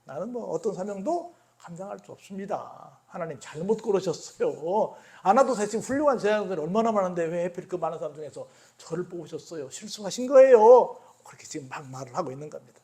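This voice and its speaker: A male pastor preaching at a midweek prayer service, asking the congregation questions and answering them himself, moving between loud emphatic lines and quiet, drawn-out ones. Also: sits high, expressive. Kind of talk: sermon.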